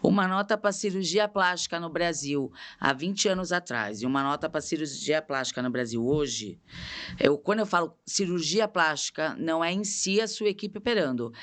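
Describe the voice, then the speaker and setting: A woman with a Brazilian Portuguese accent hosting a podcast, asking lively, curious questions. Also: low-pitched, moderate pace. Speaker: podcast host. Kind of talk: casual interview questions.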